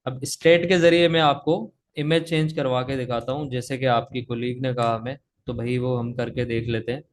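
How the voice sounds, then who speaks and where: Hoarse coding teacher on a call. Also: male voice, medium pitch, level tone, moderate pace, slight background noise. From Pakistan. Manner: talks while typing, frequent "theek hai" checks. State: sore throat, coughing. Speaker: coding instructor. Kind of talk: live coding lesson on a video call. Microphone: video call.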